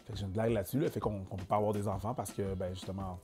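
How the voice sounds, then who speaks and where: A man's voice: on the low side, very fast, soft background music. A young man with a Québécois French accent, talking casually as a comedian being interviewed and slipping in English phrases. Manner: relaxed, slips in English phrases. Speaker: comedian guest.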